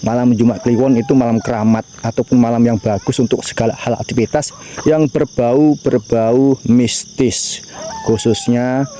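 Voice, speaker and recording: A man with a Javanese accent talks to his stream from a graveyard at night, chatty and loose as he answers viewers. His voice is mellow and warm, and a faint hum of crickets and insects sits behind him outdoors. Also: mid-range voice, steady tone, normal speed. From Java. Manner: chatty, talks to viewers and chat, invokes spirits. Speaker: mystery vlogger.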